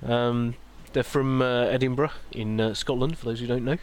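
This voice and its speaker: A man in casual podcast chat, talking at a middle pitch. He is chatty and laughs easily. He often restarts his sentences as he goes. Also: fairly even intonation, normal speed, a little hiss or hum. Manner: chatty, laughs easily, trips over words. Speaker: podcast co-host.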